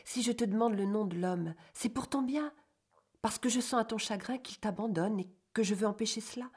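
A man reading an audiobook, voicing a gentle, patient young mistress of the house who speaks softly and coaxingly. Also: high voice, a little fast, voice pushed up. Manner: soft, coaxing, conciliatory. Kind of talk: audiobook character voice.

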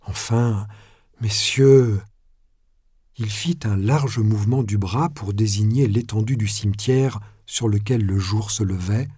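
Male novel reader, husky timbre, close dry recording, measured delivery. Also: fairly low pitch, mellow, no room sound. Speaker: narrator. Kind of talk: audiobook reading.

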